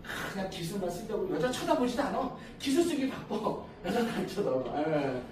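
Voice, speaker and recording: A middle-aged man chats with his partner after a dance, boasting and laughing often. His pitch jumps around lively. He sounds far from the mic in a very echoey room with faint background noise. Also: normal speed. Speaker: social dance instructor. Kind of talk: casual chat with a dance partner.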